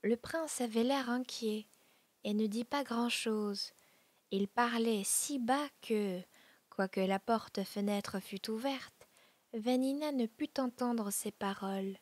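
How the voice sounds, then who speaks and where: A woman narrating a classic novel in a soft, breathy ASMR audiobook reading. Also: a little high, slow, no room sound. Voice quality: breathy, whispery.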